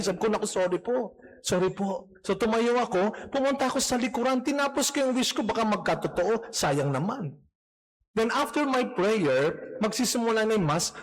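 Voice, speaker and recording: Casting: priest, high-pitched voice, storytelling homily in church, light humor. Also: male voice. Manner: storytelling with humorous anecdotes, mixing Tagalog and English. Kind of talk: homily at morning mass.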